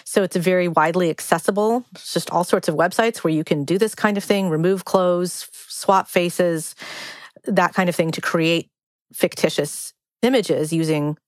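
A woman's voice: fairly low pitch, normal speed, no echo. A woman giving conversational interview answers as a reporter.

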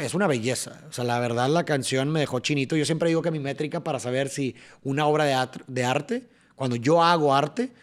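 A man with a Mexican accent, a podcast guest explaining his songwriting eagerly, often restarting and tapping out rhythms. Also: fairly high pitch. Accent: Mexican Spanish. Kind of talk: casual interview chat.

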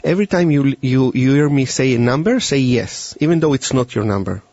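An Israeli-accented man, a mentalist, performs a mind-reading demonstration while talking to a volunteer, his English halting and non-native in phrasing. His voice is medium-pitched with a darkish tone, and the recording is dull and dry.

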